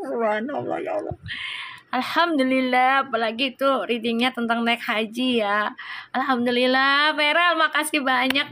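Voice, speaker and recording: A woman's voice: fairly high pitch, sharp tone, dry recording. A woman tarot reader chatting on a live stream, effusive and full of exclamations of praise. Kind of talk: casual live-stream chat.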